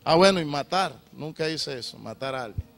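A middle-aged man preaching a sermon, swinging from loud shouted appeals to low, confessional testimony. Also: expressive, brisk, creaky.

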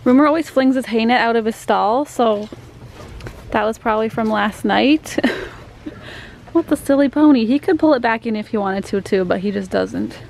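Woman vlogger, casual and chatty, fairly high with vocal fry, handheld camera at a barn. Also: normal speed, a little mellow, slight background noise. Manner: chatty, explanatory, laughs often. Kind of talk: casual barn tour narration. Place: horse barn and paddock, indoors and outdoors.

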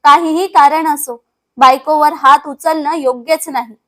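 A woman's voice: high-pitched, fairly even intonation, unhurried, sharp tone. A woman reading an indignant young daughter-in-law. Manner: urgent, indignant.

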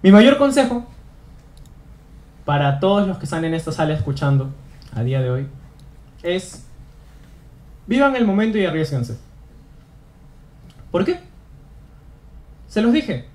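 A man's voice: high-pitched, big pitch swings, measured pace, pauses often, a little mellow. A young man giving an earnest motivational talk on stage, repeating phrases for emphasis. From Peru. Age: young adult. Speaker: student speaker. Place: auditorium stage.

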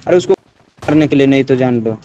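A man's voice: medium pitch, brisk, warm tone, a little hiss or hum. A man giving live commentary on his game, exclaiming and pleading with other players, often repeating himself. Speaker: gamer streaming his match.

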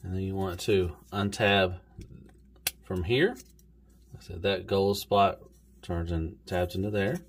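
A man's voice: low-pitched, steady tone, slow, pauses often, slight background noise. A man with a Southern US accent, casually reviewing an action figure in an easygoing, rambling way. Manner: easygoing, rambling, says "golly" and "y'all". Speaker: toy reviewer.

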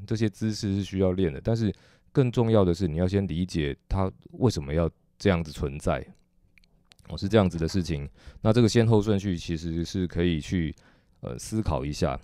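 A man with a Taiwanese Mandarin accent teaching drumming technique, explaining patiently and methodically with frequent soft "oh" fillers. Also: deep voice, dry recording, studio quality. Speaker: drum teacher. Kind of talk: instructional explanation.

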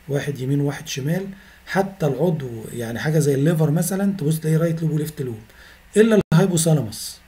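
Egyptian male lecturer, slightly high, very fast delivery, repeats key terms, recorded lecture voice-over. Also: mellow. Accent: Egyptian Arabic. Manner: rapid, repetitive explaining with frequent "تمام؟" checks. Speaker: medical lecturer.

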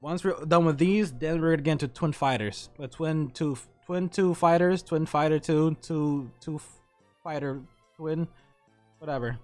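Streaming from his room at home with music playing, a young host jokes around, swears and stumbles as he talks into his streaming mic. His voice runs on the high side at a moderate pace.

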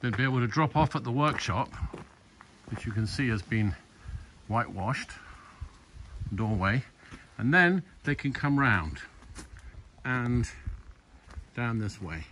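A middle-aged man filming a casual video diary on his farm. He explains each step, pausing and correcting his own words. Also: medium pitch, expressive, a bit bright, a little hiss or hum. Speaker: farm restorer vlogging his progress. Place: old stone barn and farmland, outdoors. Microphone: phone camera at arm's length.

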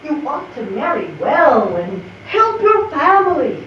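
A woman's voice: high voice, big pitch swings, measured pace. A woman playing a haughty, wealthy old aunt in a stage play, scolding and admonishing with emphatic delivery. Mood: urging. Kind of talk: live stage play acting. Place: theatre in the round, far camera, audience around. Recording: muffled, noisy camcorder in echoey theatre, distant.

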